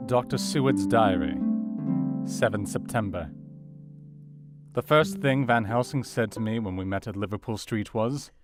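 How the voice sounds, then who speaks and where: An actor playing an earnest, educated Victorian doctor, narrating his diary in a measured, formal way for an audio drama. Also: lowish voice, lightly acted. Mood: sober, reflective. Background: soft guitar music.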